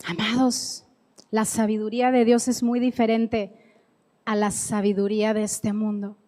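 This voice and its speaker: A woman's voice: mid-range voice, little pitch movement, a little slow, dark tone. A woman preaching a sermon in a church, emphatic and repeating key phrases, with playful asides. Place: church sanctuary. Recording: echoey hall with long reverb.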